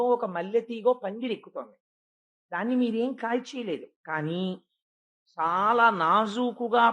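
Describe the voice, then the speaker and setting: A woman giving a devotional discourse, retelling a scripture story and acting out the characters' words with shifts in pace and loudness. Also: a little high, highs cut off. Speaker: spiritual speaker.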